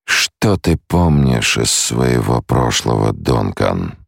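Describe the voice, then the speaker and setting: Audiobook villain: a scheming male shapeshifter, slow taunting bargainer, read by a man with a very deep, dry voice. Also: expressive, gravelly, dry recording, heavily acted. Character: cunning male face dancer, scheming menace.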